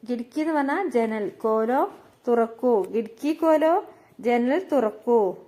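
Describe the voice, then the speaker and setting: A woman from teaching spoken Hindi, explaining each phrase and repeating it, slowing down for the Hindi words. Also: fairly high pitch, animated, mellow. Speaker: language teacher.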